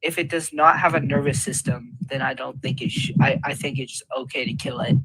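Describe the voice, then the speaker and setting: A man's voice: medium pitch, fairly even intonation, brisk, noisy background. A man calling into an online debate, earnest and hedging with filler words as he argues. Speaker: debate caller.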